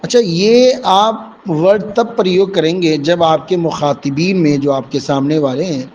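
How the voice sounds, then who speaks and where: A man's voice: a little high, a little mellow, highs cut off, a little hiss or hum. A man teaching a vocabulary lesson, explaining English words one by one with Urdu and Hindi meanings and calling his listeners dear students.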